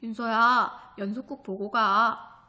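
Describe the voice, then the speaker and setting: Woman doing a slow, low-voiced storybook father. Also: fairly even intonation, full character voice. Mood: gentle. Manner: slow, lowered, scolding then gentle. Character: stern but loving father, middle-aged man.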